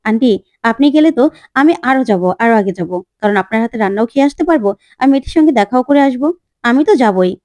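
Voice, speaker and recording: A woman's voice: a little high, expressive, racing, a little mellow, no room sound, natural voice. A woman voicing an earnest young man, a caring fiancé who pleads and insists.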